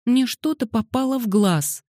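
A woman doing a shrill, whiny six-year-old girl. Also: measured pace, mellow, no echo, clean studio sound, lightly acted. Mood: wheedling. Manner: shrill pleading calls and wails.

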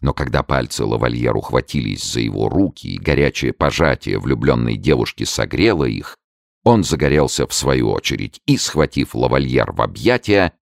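A man narrating an audiobook of a classic novel in a dramatic, expressive way. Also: rumbling low, normal speed, vocal fry, no room sound, clean studio sound.

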